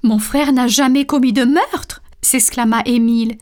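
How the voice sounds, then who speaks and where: Woman doing a young guy owning up in a storybook, earnest, slow, a bit high. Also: fairly even intonation, darkish tone, natural voice. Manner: earnest, confessing. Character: young man, guilty twin brother, pleading. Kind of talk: storybook reading.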